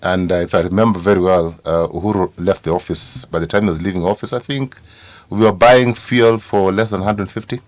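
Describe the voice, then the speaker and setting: A man with a Kenyan accent, a studio guest on a morning radio show, speaking deliberately and insistently with many fillers. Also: deep voice, steady tone, no echo. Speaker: studio guest, party executive. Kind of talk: political talk show discussion.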